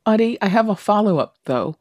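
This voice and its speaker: A woman's voice: mid-range voice, lively intonation, brisk, darkish tone, no echo. A woman hosting a radio interview, explaining and asking questions in a broadcast style on a close studio mic.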